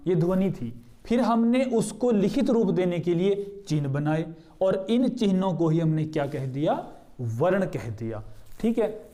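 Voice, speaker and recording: A man with a high but mellow voice teaches a grammar lesson. He poses questions to his students and answers them himself, pointing to what he has written and repeating key terms slowly. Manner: points to what he writes on a board. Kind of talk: explanatory lesson.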